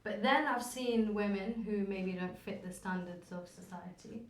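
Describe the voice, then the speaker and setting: A woman's voice: medium pitch, a little slow. A woman in casual radio conversation, reflecting earnestly and personally. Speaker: radio show guest. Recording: roomy, distant from mic.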